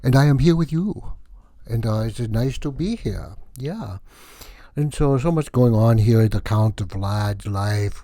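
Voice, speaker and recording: A man's voice: fairly low pitch, mellow, no echo. A man playing a wacky, boastful vampire count who tells rambling comic stories with a jokey, self-mocking manner. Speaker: comedian character. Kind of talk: comic monologue.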